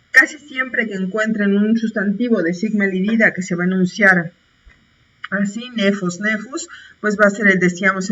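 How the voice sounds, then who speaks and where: Methodical woman teaching grammar. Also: medium pitch. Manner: patient, methodical, recites paradigms in a steady rhythm. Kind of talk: online grammar lesson. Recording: dull lo-fi recording with faint hiss.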